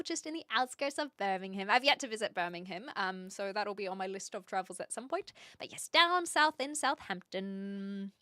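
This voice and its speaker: With a fairly high pitch and a sharp tone, a woman from Hamilton, New Zealand, casually responds to livestream comments, teasing herself along the way. Her New Zealand accent is mild, and the recording is dry and clean, like a studio.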